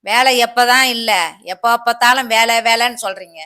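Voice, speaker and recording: A woman's voice: on the high side, steady tone, quick pace, bright, forceful tone. A woman voicing a fiery, protective mother in a doll play drama, arguing and nagging. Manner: argumentative, nagging.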